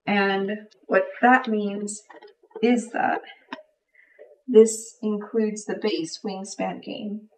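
A woman's voice: medium pitch, fairly even intonation, extremely slow, a little hiss or hum. A young American woman chatting casually as a video host, keeping her voice down in a library study room, slightly muffled by a mask and picked up by a camera across the table. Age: young adult. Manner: voice kept down for a library, not whispered. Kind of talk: casual vlog chat. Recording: voice picked up from a distance.

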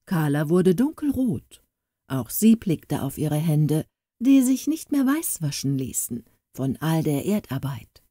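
Woman narrator, fairy tale audiobook, slow and lively, warm low voice, dry close sound. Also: no echo. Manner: expressive, slow storytelling with voiced characters.

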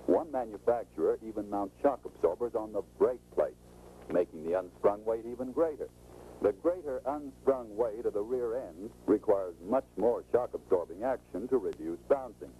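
A middle-aged American man, an automotive expert, delivers scripted, instructive, salesmanlike narration for a 1940s-style sales training film. His voice sits on the low side at a moderate pace, and the old soundtrack has phone-quality sound with a little hiss or hum.

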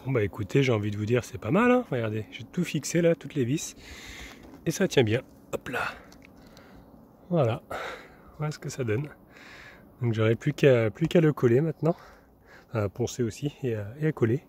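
A young man talks his way through a hands-on build, casual and rambling, full of fillers and restarted phrases. His voice sits at an ordinary middle pitch, caught on a camera mic with a faint hiss behind him. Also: lively intonation, moderate pace, pauses often, darkish tone. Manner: chatty, many fillers and restarts, talking while working. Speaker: vanlife vlogger. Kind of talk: casual DIY narration. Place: workshop and camper van roof, outdoors.

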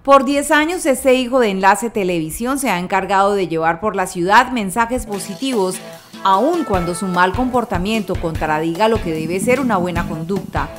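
Woman, news voice-over, upbeat read, clear music underneath. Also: medium pitch, lively intonation, moderate pace. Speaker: news reporter. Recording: music bed behind voice-over.

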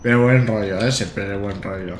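A man's voice: fairly low pitch, normal speed, roomy sound, a little hiss or hum. Joking Spanish streamer man in his 30s. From Spain. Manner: joking and rambling, with stammered restarts and bursts of laughter. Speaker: gaming streamer. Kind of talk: casual live-stream chat while playing a train simulator.

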